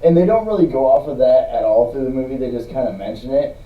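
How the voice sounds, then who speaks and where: A man recounts scenes from a bad movie with a co-host in an easy, relaxed way. His voice sits at an average pitch. The sound is dull, roomy and distant. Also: quick pace. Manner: relaxed, retelling scenes, laughs. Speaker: podcast co-host. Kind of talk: casual movie review chat.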